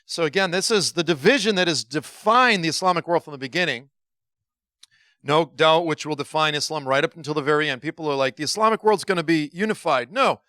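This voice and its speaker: A man leads a congregation through a conversational teaching talk, informal and fond of joking asides, often restarting his sentences. His voice is bright and notably crisp, sitting a little high for a man. The sound is dry, with almost no room reflection. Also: a little fast, dry recording. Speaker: guest Bible teacher.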